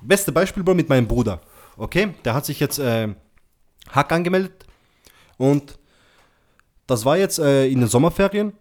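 A man's voice: fairly high pitch, lively intonation, moderate pace, long pauses, darkish tone. Slangy young man, casual storyteller. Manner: slangy, fills every phrase with "so" and "Bro"; tells stories acting out quoted dialogue. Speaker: podcast host. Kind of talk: casual chat.

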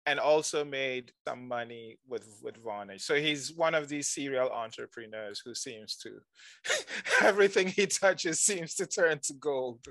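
Ghana-born guy in his 40s, talks fast and loose w lots of uh and restarts, dry sound. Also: medium pitch, a bit bright, dry recording. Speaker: guest, venture capitalist. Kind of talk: conversational interview.

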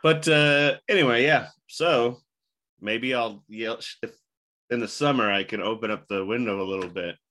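A man's voice: mid-range voice, normal speed, bright, forceful tone. A man hosting a podcast in a loose, rambling casual chat, with a bad case of the hiccups. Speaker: podcast host.

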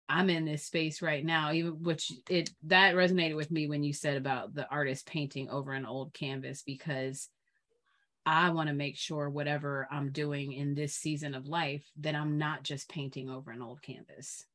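A woman's voice: deep voice, steady tone, moderate pace, a bit bright. A middle-aged woman co-hosting a casual chat, reflective, laughing often and sometimes losing her thread. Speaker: podcast co-host.

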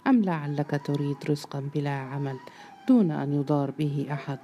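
A man's voice: on the high side, dark tone, a little hiss or hum, natural voice. A man voicing a sly male neighbor who taunts with mock seriousness, in a storybook reading. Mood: scornful. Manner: mocking, feigned seriousness, quick.

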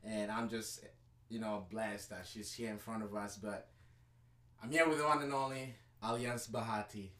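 A man hosts a relaxed podcast conversation, upbeat and chatty, circling back and restarting his sentences. He sits a little away from the microphone. The room around him rings with echo. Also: fairly low pitch, moderate pace. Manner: upbeat, rambling with many fillers and restarts. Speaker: podcast host. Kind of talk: casual interview chat. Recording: roomy, distant mic.

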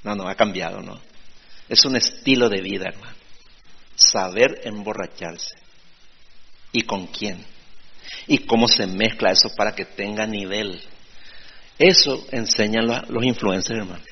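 Gravelly-voiced man preaching in a reverberant hall. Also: lowish voice, unhurried, pauses often. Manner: conversational, addressing listeners as brother with tag questions. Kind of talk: sermon. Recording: dull lo-fi sound with long hall reverb.

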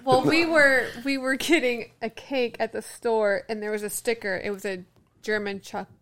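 A woman with a fairly high voice, chatting casually as a podcast guest. She tells her stories in an animated way and laughs often. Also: normal speed. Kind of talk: casual chat.

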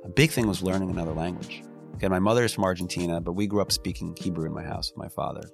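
Talking about his career in a reflective interview, an American lawyer speaks in a low, gravelly voice at a racing pace. He stays earnest and casual, repeatedly restarting his words and adding "you know" asides, with faint music behind him.

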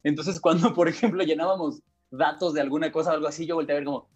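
A man's voice: on the high side, steady tone, fast talker, husky, soft background music. A young man with a Mexican accent, co-hosting a casual podcast, rambling through self-mocking stories in slang. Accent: Mexican Spanish. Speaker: podcast co-host. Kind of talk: casual chat.

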